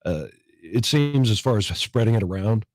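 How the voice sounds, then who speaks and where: A folksy Southern man co-hosting morning radio who jokes and thinks out loud. His voice sits at an ordinary pitch. The studio sound is dry and close. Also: lively intonation, moderate pace, no room sound. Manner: folksy, jokey, muses aloud. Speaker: radio co-host. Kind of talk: casual morning radio chat. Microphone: studio microphone.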